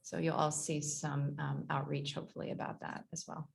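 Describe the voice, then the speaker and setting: A young woman with a lowish, gravelly voice gives a chatty work update on a video call. She talks casually and fills gaps with ums. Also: flat delivery, normal speed. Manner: chatty, laughing often, many fillers. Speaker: transit agency staff.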